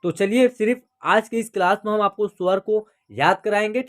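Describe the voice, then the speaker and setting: A man teaching Hindi reading and writing in a slow, patient classroom manner, repeating each letter and asking questions. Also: high voice, a bit bright.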